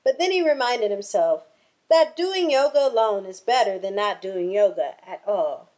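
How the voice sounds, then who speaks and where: Reading a children's picture book aloud, a medium-pitched woman tells the story in a deliberate, expressive way.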